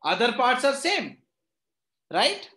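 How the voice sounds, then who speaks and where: A man with a North Indian accent teaches an interactive online reasoning lesson, blending Hindi phrases into his English and often asking short questions to check that students are following. His voice is very high and pushed, bright, with wildly swooping pitch, and he takes things slowly. The recording has a roomy echo.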